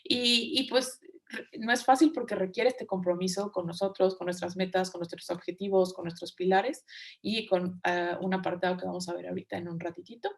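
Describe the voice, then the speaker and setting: A woman's voice: fairly low pitch, little pitch movement, brisk, creaky. A woman with a Mexican Spanish accent presenting a leadership webinar in a casual, chatty way, often acting out quoted inner voices. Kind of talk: casual spoken webinar lesson.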